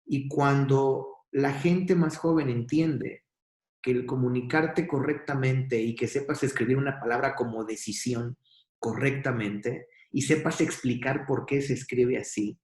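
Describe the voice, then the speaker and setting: A man speaking as a guest, trainer of companies and their teams, who tells anecdotes with reflection and emphasis. His voice sounds in a noticeably reverberant room, with a middle pitch. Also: unhurried, a little mellow. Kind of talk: casual podcast conversation.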